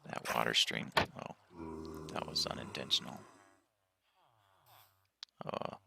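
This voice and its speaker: A man giving a relaxed tour of his game world with a just-woken-up morning voice, pausing often and speaking softly. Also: a bass voice, creaky. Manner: relaxed walkthrough with frequent pauses and fillers. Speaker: game player.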